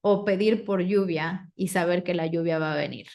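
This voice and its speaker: A woman, coaching a live group, asking the audience questions and reciting clearing phrases. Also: lowish voice, normal speed, a little mellow. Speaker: facilitator.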